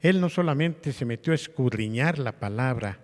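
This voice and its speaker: A man's voice: medium pitch, expressive, moderate pace. Pastor guy preaching, chatty, keeps asking the crowd questions, echoey hall. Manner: conversational preaching with rhetorical questions to the congregation. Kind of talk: sermon. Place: church meeting hall. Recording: long hall reverb.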